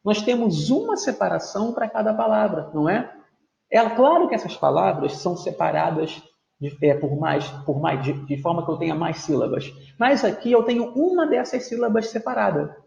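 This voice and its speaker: High male teacher voice, gravelly, patient explanations, echoey room, dull lo-fi audio. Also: animated, darkish tone. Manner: explanatory, drawn-out spelling of words; frequent checking tags like "tudo bem?". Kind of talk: video lesson on grammar.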